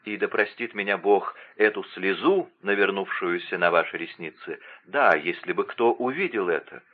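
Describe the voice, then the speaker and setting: A courteous young count, restrained and tender, hiding his love behind formal respect, as a male reader gives him voice. The voice is low and even, with a dull, lo-fi sound. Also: moderate pace.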